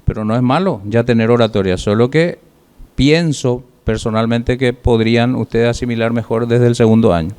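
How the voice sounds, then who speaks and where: A man's voice: medium pitch, steady tone, a little mellow, clear, resonant tone. Man giving a classroom speaking lesson. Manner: measured, lists points with pauses and rhetorical questions. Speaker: public speaking teacher. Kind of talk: classroom feedback lecture.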